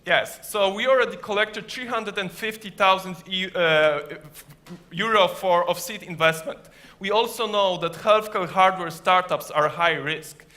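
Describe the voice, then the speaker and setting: High, bright voice in a rehearsed startup pitch. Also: male voice.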